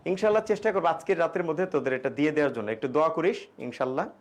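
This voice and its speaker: A man's voice: on the high side, racing. A young man teaching an English grammar class, explaining casually in Bengali with English examples and answering students' questions. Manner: reads student questions aloud and answers them. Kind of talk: online exam-prep grammar class.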